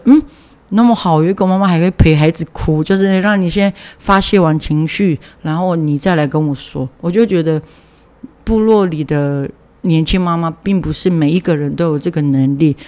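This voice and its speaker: A man tells a community story in a casual, chatty way. His voice sits a little high, he keeps reaching for fillers, and he briefly voices the people he quotes. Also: darkish tone. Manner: leans on fillers, acts out quoted dialogue. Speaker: community member sharing a story.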